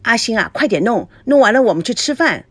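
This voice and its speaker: A woman voices a smooth-talking, flirtatious middle-aged man for a storybook. He wheedles and jokes in a lively, swooping voice, recorded close and dry. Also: fairly high pitch, fast talker, no room sound. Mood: flirty, glib. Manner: wheedling and glib.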